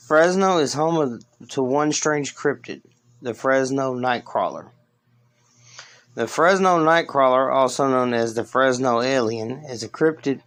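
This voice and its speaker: A man reading scripted narration as a podcast host, with casual asides and halting stumbles that he corrects. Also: medium pitch. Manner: halting, stumbles over words and corrects himself.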